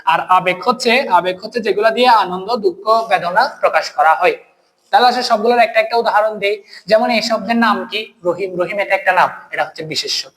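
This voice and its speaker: High-voiced Bangladeshi male teacher, reverberant. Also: fairly quick, a bit bright. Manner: asks quiz questions and answers them himself. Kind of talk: online grammar lesson. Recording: long reverb.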